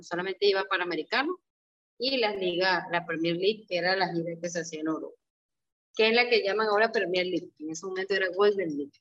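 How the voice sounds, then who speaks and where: A woman's voice: medium pitch, a bit bright. A middle-aged woman with a Venezuelan accent, a retired karate champion telling her story emotionally, often restarting and voicing her own past thoughts. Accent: Venezuelan Spanish. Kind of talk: reflective personal storytelling. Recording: dull, lo-fi sound.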